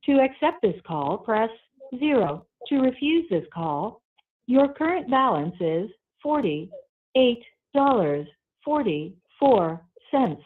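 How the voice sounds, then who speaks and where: A woman's voice: a little high, sing-song, takes it slowly. A woman's automated announcement on a payphone call, reading collect call instructions over a phone line. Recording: tinny band-limited jail phone line. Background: played over a phone line.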